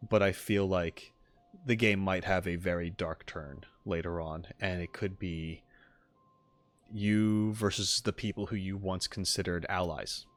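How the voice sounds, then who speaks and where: A man with a deep voice chats unhurriedly on a livestream, answering viewers and speculating as he rambles. His intonation stays fairly even, and music plays in the background.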